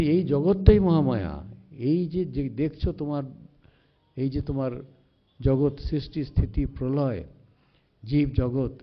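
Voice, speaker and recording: A monk giving a devotional sermon, reciting verses slowly and retelling sacred stories in a measured way. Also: male voice, mid-range voice. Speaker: monk giving a spiritual discourse. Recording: slightly dull lo-fi recording.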